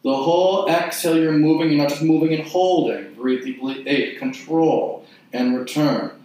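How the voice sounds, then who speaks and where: A man leading an exercise class, giving short, clipped cues and counting repetitions in a measured rhythm. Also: a little high, mellow. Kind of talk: guided mat exercise instruction with counted repetitions. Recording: very echoey room, distant mic.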